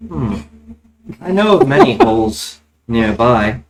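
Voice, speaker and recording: A man's voice: medium pitch, big pitch swings, very noisy. Man voicing an ancient, stately talking tree in a roomy space. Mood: pondering. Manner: slow, stately, archaic phrasing of a talking tree. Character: ancient kindly talking tree, slow and formal. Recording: roomy tabletop room recording.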